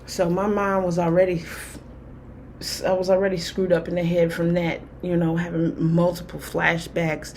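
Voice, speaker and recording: A woman's voice: lowish voice, little pitch movement, moderate pace, darkish tone, a little hiss or hum. A woman talking candidly to camera in a rambling, casual way, full of fillers. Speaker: spiritual vlogger. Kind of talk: casual personal talk to camera.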